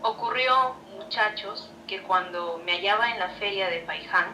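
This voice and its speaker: A woman's voice: mid-range voice, a little slow, sharp tone. A young woman student carefully reading a text aloud in class. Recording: echoey room, distant mic, faint noise.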